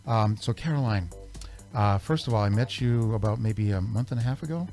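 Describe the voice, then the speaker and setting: A man's voice: lowish voice, fairly quick, darkish tone. Guy hosting a radio show on a video call, casual and jokey, lots of ums, faint music in the back. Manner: chatty, joking, with many fillers. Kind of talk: casual interview chat.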